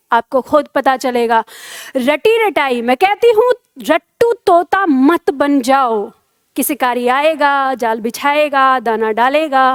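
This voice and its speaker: A woman's voice: high voice, dry recording, clean studio sound. A woman teaching Hindi grammar in a lecture. She asks questions and answers them herself, and has the listeners say the sounds aloud. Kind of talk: classroom lecture.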